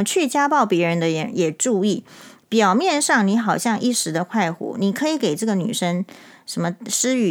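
A middle-aged woman eye doctor, telling stories on her podcast in a casual, animated, indignant way. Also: mid-range voice. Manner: animated, indignant, emphatic when retelling. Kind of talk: casual storytelling monologue.

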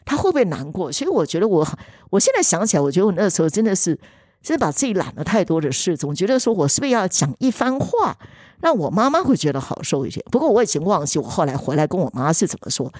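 A woman's voice: lowish voice, big pitch swings, fast, darkish tone, breathy edge, dry recording, clean studio sound. A woman, earnestly telling a personal family story in a podcast chat, often hesitating and restarting.

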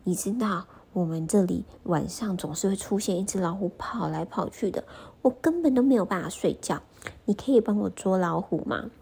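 A woman voicing a male city general who pleads insistently, in a breathy voice. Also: medium pitch, normal speed, mellow. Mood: pleading.

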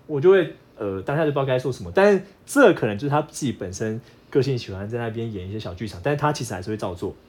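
A man's voice: mid-range voice, rapid-fire, few pauses. A man co-hosting a casual podcast with his wife, explaining workouts and diet like a coach and playfully acting out her complaints. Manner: animated, acts out his wife's whining in quotes. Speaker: podcast co-host, fitness coach. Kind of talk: casual couple chat.

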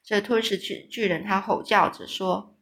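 A woman reads a children's storybook aloud at an easy, unhurried pace. She often stops to explain difficult words in simple language, with small restarts along the way. Her voice sits at an ordinary pitch for a woman. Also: fairly even intonation, fairly bright tone. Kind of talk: reading a children's book aloud.

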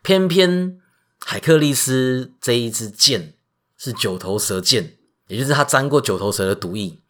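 A man with a Taiwanese Mandarin accent, hosting a podcast and retelling myths in a lively, joking way. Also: medium pitch, moderate pace. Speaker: podcast host. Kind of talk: casual storytelling podcast.

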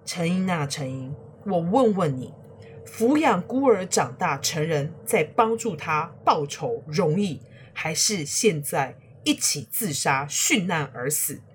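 A woman's voice: deep voice, expressive, slow, slight background noise. A woman voicing an elderly, loyal male retainer in a storybook tale, crying out in raised, anguished pleas. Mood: earnest. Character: old loyal male retainer, desperate and defiant.

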